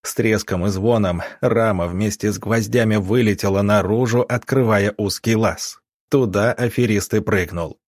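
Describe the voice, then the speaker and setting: Male audiobook narrator, husky, fairly low, dry close sound. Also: normal speed, no echo.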